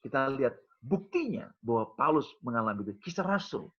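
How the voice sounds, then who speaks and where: A man's voice: medium pitch, very animated, fairly quick, slightly rough. A male pastor giving a conversational sermon, telling a story in colloquial speech and acting out the dialogue. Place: church. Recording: dull lo-fi recording.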